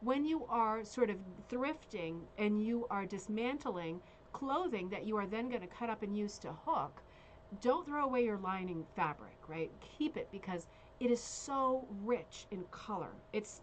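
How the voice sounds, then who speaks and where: A woman with a medium-pitched, animated voice speaks at normal speed as the bingo caller on a casual live craft show. She chats, checks in often, and reads out descriptions and details. The recording is rough, with clearly audible background noise.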